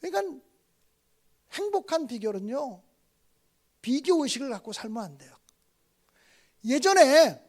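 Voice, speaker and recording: A man in his fifties preaches a revival sermon in a strikingly high voice. He tells family stories and acts out the dialogue, moving between loud outbursts and hushed asides. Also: very animated, unhurried, long pauses. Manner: storytelling with swings from loud outbursts to soft asides. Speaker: guest pastor.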